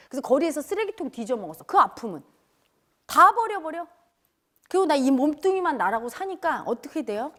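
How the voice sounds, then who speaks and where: A woman spiritual teacher giving an emotional lecture, telling her story with loud outbursts that drop into hushed near-whispers. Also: sits high. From Cheongju area, South Korea.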